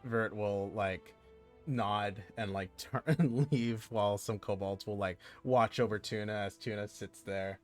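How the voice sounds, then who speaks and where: Low-voiced man running a tabletop game. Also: steady tone, unhurried, faint music behind. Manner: meandering, heavy use of fillers. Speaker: game master. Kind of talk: casual tabletop game narration.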